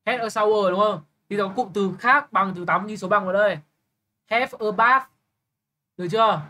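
A young man tutoring English, briskly quizzing a student with quick questions and blunt, teasing remarks. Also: high-pitched, bright, forceful tone. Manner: brisk, keeps checking understanding with quick questions. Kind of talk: live tutoring lesson.

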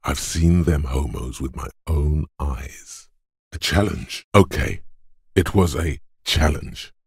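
A male actor with a bass voice plays a gruff, macho inner voice of physical strength in a video game, sounding like a drill coach who is blunt, taunting, goading and commanding with a gravelly, husky tone. He takes it slowly in a heavily acted performance, recorded as clean studio sound with no room sound.

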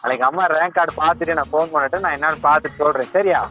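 A father on a phone call, gently coaxing and reassuring his young daughter and often asking whether she agrees. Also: a little high, racing, faint music behind.

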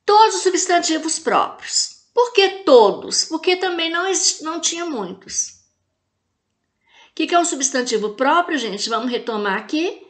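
A woman's voice: high voice, animated. A woman from Brazil with a Brazilian accent, teaching a recorded class lesson, stressing syllables and asking pupils rhetorical questions. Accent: Brazilian Portuguese. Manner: slow, spells out and stresses syllables.

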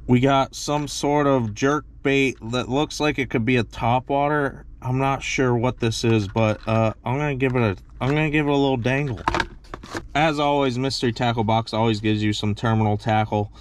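A man's voice: medium pitch, fairly even intonation, moderate pace. A young man chatting and joking to camera in a casual fishing vlog, filmed in a parked truck on a dashboard camera. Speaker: fishing vlogger.

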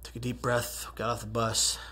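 A husky-voiced man gives a personal testimony talk. His pitch sits in the middle for a man. He tells his story earnestly, dropping to near whispers and then rising with strong emphasis. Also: monotone, moderate pace, bright, forceful tone. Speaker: speaker telling his survival story.

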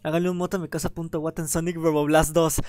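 Man, Mexican accent, has a cold, excitable livestream chat, stammering repeats, dry close sound, faint music behind. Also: a little high, fast talker, dry recording. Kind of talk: casual gaming livestream chat.

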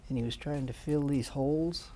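An elderly Canadian man in his seventies, a veteran remembering his service in an interview in a halting, plain-spoken way. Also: mid-range voice, warm tone, a little hiss or hum. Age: 70s. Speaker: war veteran being interviewed. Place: small indoor room with flags. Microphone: lapel mic.

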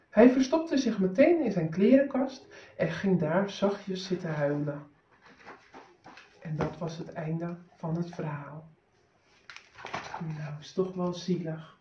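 A teacher reading a children's story aloud with slow, expressive storytelling, recorded in a roomy, slightly dull sound. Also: female voice, lowish voice, slight background noise.

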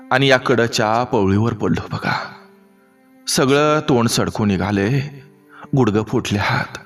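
Man voicing a frail, hurt old village man. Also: fairly low pitch. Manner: slow, weary and pleading.

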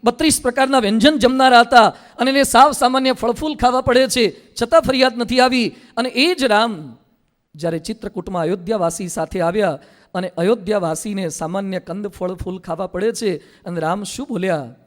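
The speaker is a monk with a distinctly high voice, preaching by telling stories briskly and impersonating everyday people. Scripture verses stand apart, delivered in a slower, almost chanted tone.

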